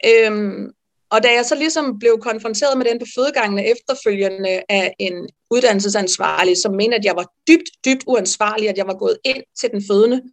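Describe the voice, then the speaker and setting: A woman midwife telling a personal story in an interview, lively and animated, with frequent fillers. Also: medium pitch, creaky. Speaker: midwife guest.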